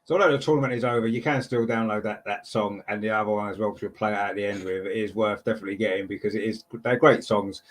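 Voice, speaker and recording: A man's voice: on the low side, steady tone, quick pace, hardly any pauses. A man with an English accent casually hosting a live football show.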